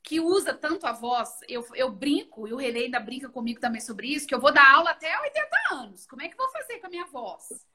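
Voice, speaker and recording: Host, woman from southern Minas, high voice, friendly long questions, live video chat. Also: big pitch swings, fast talker, hardly any pauses, sharp tone. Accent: southern Minas Gerais, close to São Paulo Portuguese. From southern Minas Gerais, Brazil. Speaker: host, law professor. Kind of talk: interview questions. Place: remote live video session.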